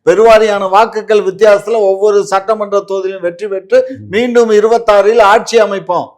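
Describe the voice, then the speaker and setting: Middle-aged man, defiant party loyalist in a debate, notably high voice. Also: steady tone, fairly quick. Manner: defiant, dismissive retorts. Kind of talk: heated political debate.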